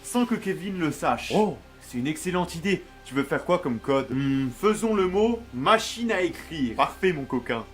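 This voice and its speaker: A man's voice: fairly high pitch, expressive, normal speed, faint music behind. A man acting out short comedy sketches, playing every character and switching between voices. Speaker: comedy sketch creator voicing all parts.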